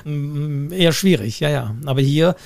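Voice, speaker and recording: A man co-hosting a writing podcast, talking in a measured, thoughtful way and often restarting his sentences. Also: fairly high pitch, vocal fry, a little mellow, no room sound. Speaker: podcast co-host. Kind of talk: casual chat about writing.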